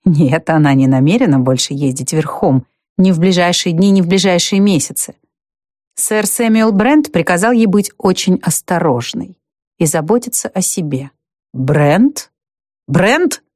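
A woman reading a classic novel aloud as an audiobook narrator, in a measured, even storytelling voice. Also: lowish voice, no echo, clean studio sound. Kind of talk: scripted narration.

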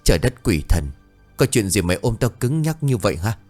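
A man voicing a gruff, scolding rural mother. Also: fairly low pitch, big pitch swings, fairly quick, darkish tone, faint music behind.

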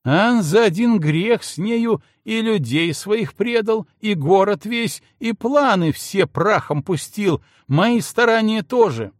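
A man's voice: slow, creaky, breathy edge, no echo, clean studio sound, full character voice. A man voicing a furious jealous princess who screams insults at her husband. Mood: raging. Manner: screaming insults, shrill and frantic. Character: furious jealous young princess, shrieking wife.

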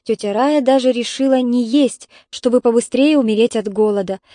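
A woman narrating an audiobook in a measured, somber way. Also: fairly high pitch, mellow, no echo, clean studio sound. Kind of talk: scripted narration.

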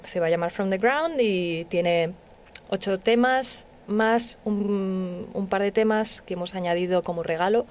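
A woman's voice: fairly low pitch, darkish tone, slight background noise. A woman, a musician guest on a radio interview, talking hesitantly with many fillers. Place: radio studio.

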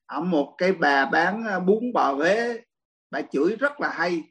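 A man, a Buddhist monk teacher giving a dharma talk Q&A, telling stories lively and laughing often. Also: high-pitched, measured pace, poor audio.

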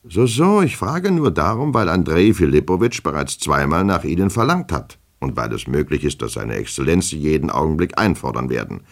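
A man's voice: very deep voice, sing-song, normal speed, hardly any pauses, full character voice. A man voicing an old, formal and easily offended office clerk in an audiobook reading. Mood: businesslike. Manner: formal, lecturing, indignant.

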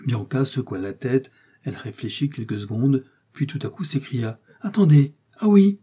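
A man narrating an audiobook in a steady, even reading. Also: mid-range voice, moderate pace, breathy edge.

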